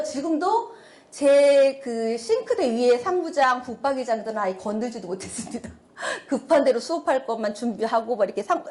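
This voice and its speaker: A middle-aged woman giving a testimony sermon to a congregation, animated, exclaiming and laughing often. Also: sits high, echoey room. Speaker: church speaker giving testimony.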